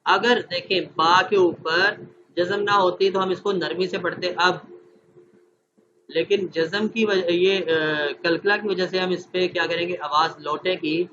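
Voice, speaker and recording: A man's voice: high-pitched, fairly even intonation. A man training teachers online, explaining step by step and often checking that his listeners understand. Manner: demonstrates letter sounds and recites verses slowly. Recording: dull lo-fi online class audio with faint noise.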